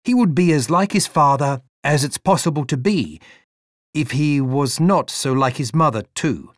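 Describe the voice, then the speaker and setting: Man doing a sharp, brisk old aunt. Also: on the high side, animated, no room sound, clean studio sound, close to an everyday voice. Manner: curt, commanding, emphatic.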